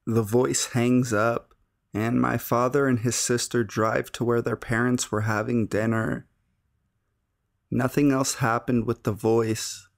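A man reads scary stories in a gravelly voice. His delivery is steady and unhurried, with a flat, even tone. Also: medium pitch. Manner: slow, even storytelling delivery. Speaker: narrator. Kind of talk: scripted narration.

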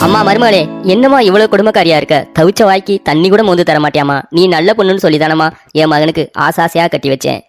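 A woman's voice: fairly low pitch, fast, hardly any pauses, faint music behind, natural voice. A woman voicing a sentimental, doting elderly father in a cartoon story, talking with melodramatic, pleading emotion.

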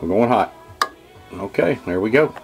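A man's voice: fairly low pitch, lively intonation, moderate pace, vocal fry, soft background music. A man, an HVAC technician giving a folksy, rambling how-to demonstration in his home workshop. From Kentucky. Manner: folksy, rambling, lots of "uh" and "okay, y'all". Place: home workshop with wood-paneled walls.

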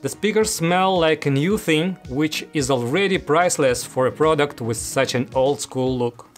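Music plays behind a man in his thirties who reviews audio gear, hosting a scripted product review to camera in a small indoor studio room. His voice is fairly high in pitch and he speaks at a moderate pace.

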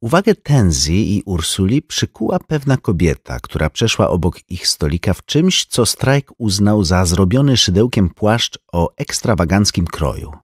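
A man reading a crime novel aloud in an expressive storytelling manner. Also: low voice, moderate pace, hardly any pauses, breathy edge, no room sound, clean studio sound. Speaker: audiobook narrator. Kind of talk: scripted narration.

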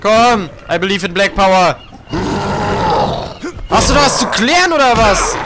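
A man's voice: high voice, expressive, unhurried, heavy background noise. A young man commenting on a video game he is playing, crude and jokey, trash-talking the characters on screen. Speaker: let's play gamer.

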